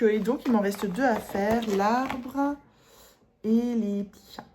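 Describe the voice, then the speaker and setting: At home, a middle-aged woman from France shows off her cross-stitch embroidery in casual chat, rambling with many fillers and self-corrections. Her voice is warm and medium in pitch.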